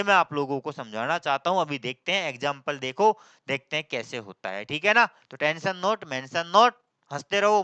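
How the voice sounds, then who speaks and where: A man teaching English grammar in a Hindi-English lesson, asking his class questions and answering them himself, and slowing to a dictating drawl as he writes. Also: fairly high pitch, sharp tone, clean tone, no room sound. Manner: slows to a dictating drawl while writing.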